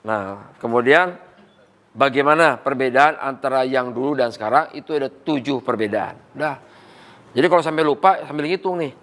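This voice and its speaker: A man's voice: mid-range voice, normal speed, fairly bright tone. A man giving a staff training talk as a company trainer, repeating key points and asking rhetorical questions.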